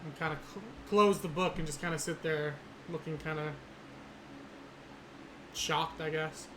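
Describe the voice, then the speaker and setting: A man's voice: on the high side, fairly even intonation, unhurried. A man narrating as game master. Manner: loose, filler-heavy narration. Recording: noisy background.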